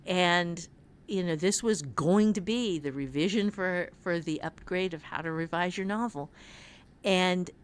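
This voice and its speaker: A woman with a voice on the low side speaks as a writing teacher on a conversational podcast. She is earnest and emphatic, repeating phrases to drive her point home.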